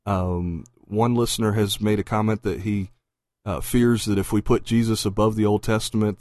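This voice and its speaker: Man, 40s, mild southern accent, low voice, dry close sound, casual podcast chat, laughs easily. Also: a little mellow, no room sound. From Pennsylvania. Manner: laughs often, thinks aloud with ums. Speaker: podcast co-host.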